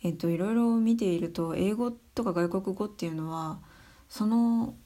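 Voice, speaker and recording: A young adult woman giving her views in a casual spoken monologue, soft and thinking aloud with many fillers. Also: mid-range voice, moderate pace. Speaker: speaker sharing views on education.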